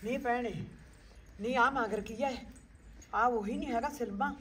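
A woman's voice: a little high, unhurried, a bit bright, slight background noise. A woman acting a distressed mother in a short village drama, moaning and lamenting.

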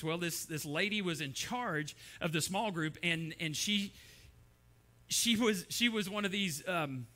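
His voice high, bright and forceful, a middle-aged pastor delivers a sermon in the church sanctuary. He tells stories, performing the voices of the characters in them.

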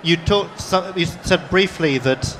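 A man's voice: high voice, measured pace, fairly bright tone, long reverb tail, a little hiss or hum. A man moderating a panel discussion, asking long questions with many restarts. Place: panel session at a book fair.

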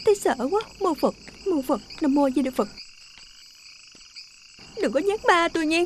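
A woman's voice: sits high, moderate pace, a little hiss or hum. A vain, whiny young village girl. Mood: frightened. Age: young adult. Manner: whiny, expressive. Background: music.

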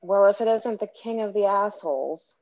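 A woman's voice: medium pitch, normal speed, darkish tone, dull audio, natural voice. A woman reading the part of a sassy, confident young woman singer at a script read-through. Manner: sassy, cutting.

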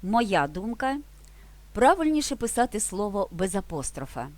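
Lively-voiced woman teaching language. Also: medium pitch. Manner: clear, deliberate letter-by-letter dictation. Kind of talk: scripted lesson narration.

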